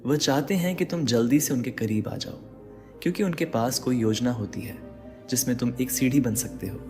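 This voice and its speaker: A man's voice: mid-range voice, moderate pace. A man giving dramatic motivational narration, speaking straight to the listener with rhetorical questions. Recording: long reverb with faint background music.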